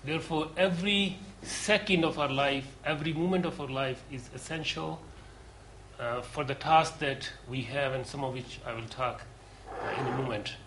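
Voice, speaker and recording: A man giving a lecture to a seminar group, earnest and deliberate, pausing often with hesitations. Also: medium pitch, fairly bright tone, slight background noise, poor audio. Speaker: course lecturer.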